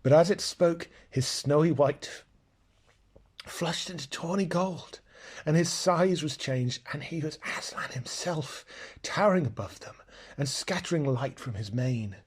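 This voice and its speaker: A man reading a children's storybook aloud, slow and expressive, with a soft-spoken delivery. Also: a little high, husky. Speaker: narrator.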